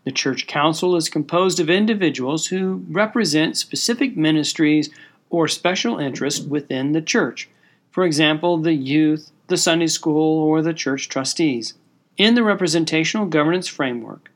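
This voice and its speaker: A man hosting a church podcast, reading a prepared talk with dry, wry humor. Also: on the high side. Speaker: podcast host.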